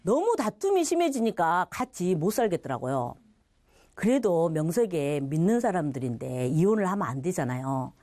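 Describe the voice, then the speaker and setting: A woman's voice: fairly low pitch, big pitch swings, moderate pace, dark tone, no echo. A middle-aged woman telling her personal church testimony, acting out what others said and laughing now and then. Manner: storytelling with quoted voices and laughter.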